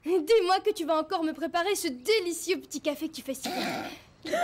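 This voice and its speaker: A woman voicing an excitable young woman who laughs and shrieks in a dubbed drama. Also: moderate pace, slight background noise. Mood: giddy, shrieking. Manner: shrill, laughing, shouting.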